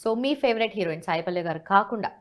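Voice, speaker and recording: A woman's voice: medium pitch, lively intonation, quick pace. A woman hosts an interview with a mid-range, everyday voice. She asks casual questions and slips English phrases into her talk. She often gives short acknowledgements between answers. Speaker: interview host.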